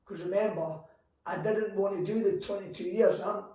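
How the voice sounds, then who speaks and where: Animated man in his forties. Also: high voice, normal speed. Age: 40s. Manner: animated, acts out quoted conversations. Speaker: guest entrepreneur. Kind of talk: candid storytelling interview. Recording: echoey room, mic at a distance.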